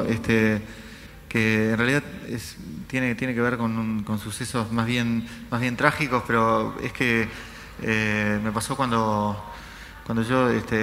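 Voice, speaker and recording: A man tells a comic story on a radio show, halting, with many fillers and restarts. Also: medium pitch, pushed and bright. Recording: long reverb with faint hiss.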